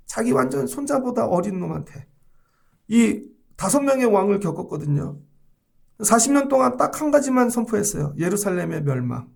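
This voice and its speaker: High, gravelly Korean pastor preaching. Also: male voice. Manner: animated preaching, asks the congregation questions. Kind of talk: sermon.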